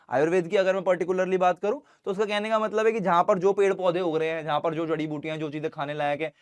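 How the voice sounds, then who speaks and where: A young man teaching an online science class, chatty and informal with his students, reading English lines slowly and deliberately. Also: fairly high pitch. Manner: chatty, addresses students as bhai and beta.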